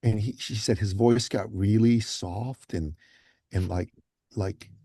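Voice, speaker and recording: A man guest on a podcast, telling a story in a casual, animated way and acting out the quotes, with many ums and you-knows. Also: on the low side, slow pace, slightly rough, dry recording, clean studio sound. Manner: frequent fillers like um and you know.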